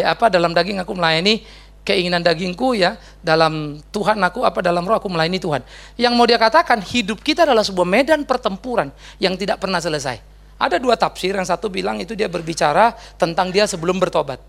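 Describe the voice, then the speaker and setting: A man preaching a sermon as pastor, lively and humorous, acting out quoted prayers. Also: high voice, gravelly. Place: church.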